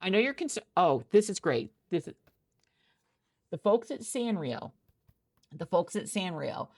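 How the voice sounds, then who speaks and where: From a friend's office, a woman does a gentle ASMR roleplay as a hiring manager, chatting and rambling and often starting over. She has a lowish voice and is very animated, though her pace stays measured.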